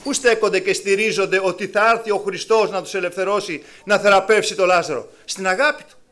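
A man preaching a sermon to his congregation, animated, acting out the voices of biblical people with sudden rises and drops. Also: sits high.

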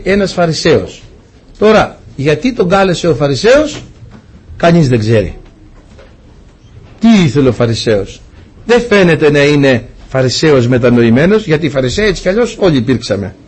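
A middle-aged man delivers a sermon with a husky, slightly high voice. His pitch swings widely as he preaches with energy, and he chuckles at his own anecdotes. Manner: lively preaching, rising in pitch and laughing at his own stories.

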